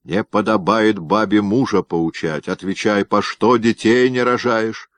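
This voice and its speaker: A man's voice: fairly low pitch, steady tone, unhurried, no echo, pitched above the performer's own voice. A man voicing a suspicious, hot-tempered nobleman husband who scolds and lectures, in a dramatic reading of a historical novel. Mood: scolding. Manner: scolding, pompous, shouting.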